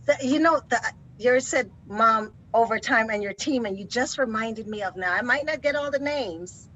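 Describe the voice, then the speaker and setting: A woman's voice: on the high side, moderate pace, fairly bright tone, a little hiss or hum. A woman hosting an interview in a casual, playful chat style, heard through dull, lo-fi sound. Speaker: interview host.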